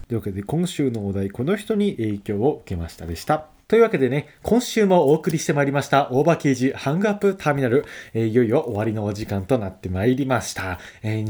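A man's voice: mid-range voice, a little mellow, breathy edge. A man hosting his own radio-style podcast alone, chatting in a rambling, self-deprecating way with somewhat slurred articulation. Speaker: podcast host. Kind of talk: casual solo radio-style podcast talk.

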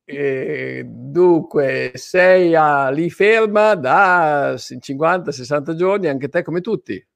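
Higher-voiced man hosting a chatty interview. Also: slow pace, creaky, no echo. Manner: playful, chatty. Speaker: host of an online interview show. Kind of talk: informal live online interview hosting.

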